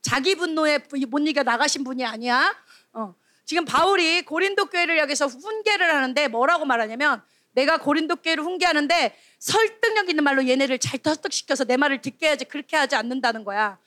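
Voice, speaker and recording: A female junior preacher giving a lively sermon to children and teens, asking the room questions and acting out scolding voices. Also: high-pitched, fast, dry recording, studio quality. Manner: animated, calls out questions and acts out scolding voices. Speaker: junior preacher at a youth retreat.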